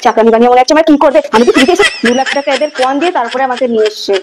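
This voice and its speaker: A woman's voice: high-pitched, rapid-fire, noisy background. A woman playing a complaining daughter-in-law in a comedy skit.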